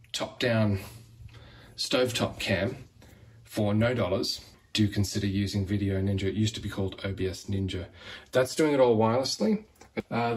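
A man in his thirties talks through his home kitchen streaming gear in a relaxed, conversational walkthrough. His voice sits a little low. He fills pauses with "uh" and "um" as he moves from one piece of kit to the next. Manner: relaxed, conversational, frequent fillers. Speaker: cooking streamer. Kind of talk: casual tech walkthrough.

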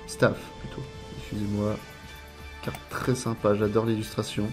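A man's voice: fairly low pitch, level tone, unhurried, music in the background. A French man casually commenting as he unboxes a card collection, rambling and repeating words as he lists card names. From France. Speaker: YouTuber unboxing trading cards.

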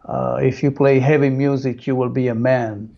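A man's voice: mid-range voice, little pitch movement, normal speed, gravelly. A man in his thirties from Italy with an Italian accent, a guest sharing his personal testimony in simple, non-native phrasing over a video call. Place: home room, on video call. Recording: muffled video call audio.

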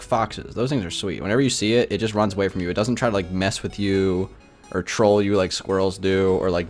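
Faint music sits quietly behind a young man chatting casually on a gaming livestream. His voice is fairly low, and he rambles through an animated rant, saying "like" constantly.

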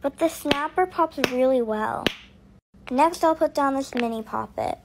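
A woman narrating and acting out a comic fidget trading skit, excitable and speaking to her viewers. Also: sits high, unhurried, background noise. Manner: excitable, gasping, addresses viewers. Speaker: skit creator.

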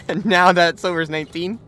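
A man's voice: high-pitched, measured pace, loud music behind the voice. Giggly young man vlogging from a car. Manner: laid-back, giggly, joking. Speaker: vlogger host. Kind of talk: casual vlog chat. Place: in a vehicle.

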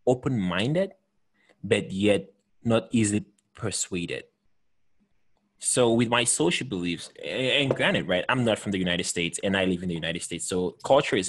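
Earnest and emphatic, a husky, lowish-voiced man from Cameroon hosts a conversational video call, frequently restarting and repeating himself. He sits in a room at home with bookshelves, speaking into a headset and desk microphone.

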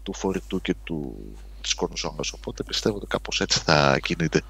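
A man's voice: low-pitched, a bit bright, slightly rough. A man on a podcast panel, thinking his points through and restarting sentences as he goes. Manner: thoughtful, analytical, restarts sentences. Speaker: podcast co-host. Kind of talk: casual panel discussion.

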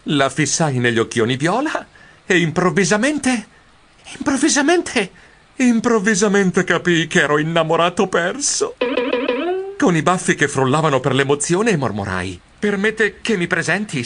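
A man narrating an audiobook as a nervous, romantic male mouse, with expressive exclamations that swoop up high. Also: moderate pace, exaggerated voice.

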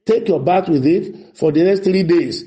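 A man's voice: sits high, moderate pace, dark tone. A man, a radio pastor declaring prayers in short commanding phrases and reading out listener letters to answer them. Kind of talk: prophetic prayer and counseling on radio. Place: radio studio.

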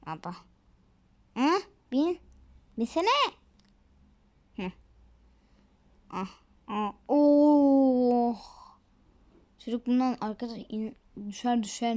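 A woman's voice: a little high, warm tone. Chatty woman narrating her gameplay. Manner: chatty, often drops to a whisper. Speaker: gaming video creator. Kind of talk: casual gameplay commentary to viewers.

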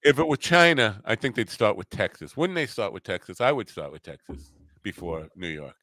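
Bright-voiced rambling male host. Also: fairly low pitch, sing-song, brisk, no echo. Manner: rambling, profane, joking. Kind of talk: casual panel chat.

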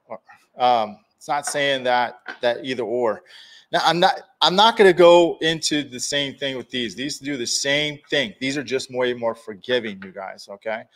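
A man in his forties stands in a garage workshop, casually walking a live audience through dent repair tools in a live-stream demonstration. His medium-pitched, slightly bright voice moves at a moderate pace, and he stays hands-on and chatty with viewers.

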